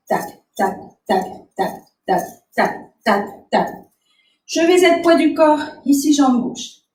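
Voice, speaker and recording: A woman dance instructor calmly explaining moves and counting out the beats for her class. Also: high-pitched, slight background noise. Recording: roomy, from a distance, faint ambience.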